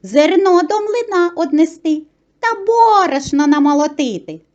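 A woman voicing two lazy, playful little mice in a children's tale, with a squeaky manner. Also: animated, unhurried, a little mellow, lo-fi sound. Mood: carefree. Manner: squeaky, carefree, later timid.

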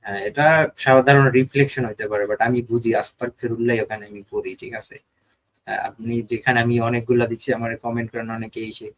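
A man's voice: mid-range voice, rough recording. A young Bangladeshi man hosting a casual live stream, reading viewer comments and often checking in with his audience. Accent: Bangladeshi Bengali. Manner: repetitive, keeps asking "ঠিক আছে?". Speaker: live-stream host of a ghost-hunting channel.

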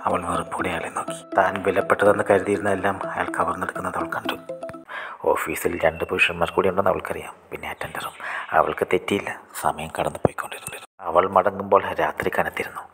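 A man telling a short story in a hushed, half-whispered storytelling style. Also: sits low, steady tone, fast talker, vocal fry, soft background music.

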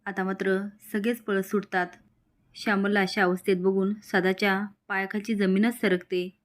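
Flat-voiced woman narrating a story. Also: mid-range voice, moderate pace. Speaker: narrator recapping a TV serial.

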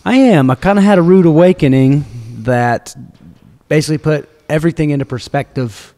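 A man's voice: fairly high pitch, brisk, warm tone, in a large hall. A man hosting a casual podcast, joking and laughing often between reading listener questions. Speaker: podcast host.

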